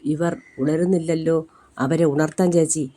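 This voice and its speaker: A woman's voice: low voice, fairly even intonation, measured pace, mellow. A woman voicing an anxious young woman who speaks in an earnest, pleading way.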